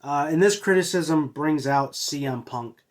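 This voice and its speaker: A wrestling show reviewer and host recaps casually in a fairly high-pitched voice, speaking a little slowly. He's hesitant, filling the talk with frequent uhs and restarts.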